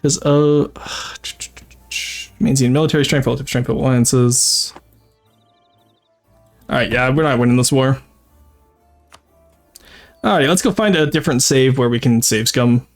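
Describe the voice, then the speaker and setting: A man's voice: medium pitch, moderate pace, pauses often, faint music behind. Man casually commentating a strategy game stream. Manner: thinks aloud, addresses chat. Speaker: streamer, VTuber.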